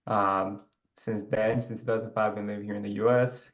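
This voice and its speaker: Guest, man in his twenties, from Ecuador; low, even, unhurried delivery over a dull-sounding call line. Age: 20s. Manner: relaxed, rambling, with filler and restarts. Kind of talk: casual interview.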